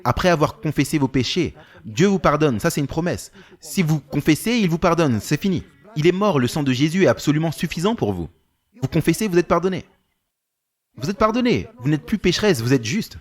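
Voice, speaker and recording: A man's voice: on the high side, lively intonation, fairly quick. A male preacher telling a story in a sermon, acting out the dialogue with animation.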